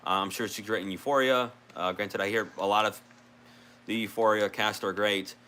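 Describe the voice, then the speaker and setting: A man's voice: lowish voice, fairly even intonation, moderate pace, bright, forceful tone, smooth. A man rambling casually on a gaming vlog, restarting sentences and swearing now and then. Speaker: video creator.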